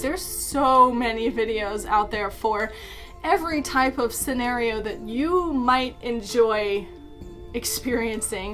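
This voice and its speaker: A young woman YouTube creator with a slightly high voice casually explains a topic. She's chatty and pokes fun at herself, using "like" a lot along the way.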